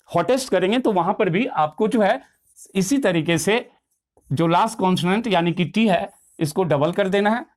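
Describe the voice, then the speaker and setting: A man teaching a grammar lesson, explaining patiently and slowing down to spell out words. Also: high-pitched.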